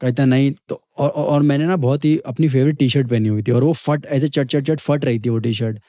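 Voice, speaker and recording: A man's voice: medium pitch, fairly quick, dry recording, clean studio sound. Young man telling a story. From Kanpur, India. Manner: lively storyteller who acts out quoted dialogue. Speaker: guest, MMA fighter. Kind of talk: casual storytelling chat.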